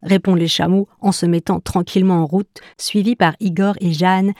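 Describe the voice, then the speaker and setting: A woman narrating a children's story in a gentle, even storytelling manner. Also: fairly low pitch, moderate pace, no room sound, clean studio sound.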